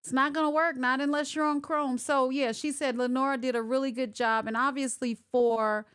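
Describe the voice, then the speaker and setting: Her high-pitched voice stays steady at normal speed, a bit bright and clean in tone, as a woman hosts a casual live-stream talk show over a video call. She's chatty and keeps repeating herself while checking that her guests can hear her.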